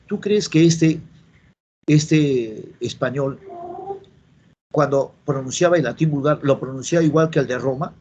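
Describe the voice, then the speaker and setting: A Peruvian man gives a classroom lecture in a voice on the high side, a little slow and a little mellow, pausing often. He repeats key words and answers his own questions. The recording is dull and lo-fi, with faint classroom noise.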